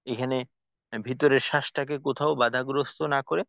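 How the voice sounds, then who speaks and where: A man teaching Quranic pronunciation, patiently demonstrating each sound by repeating it slowly. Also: mid-range voice, steady tone, a bit bright, dry recording, dull audio. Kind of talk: spoken lesson on pronunciation.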